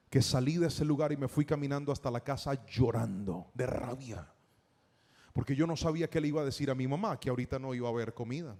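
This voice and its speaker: A man's voice: a little high, mellow. A man, a pastor preaching a sermon in a church, telling stories and calling on the congregation to answer. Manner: storytelling preacher, emphatic with call-and-response.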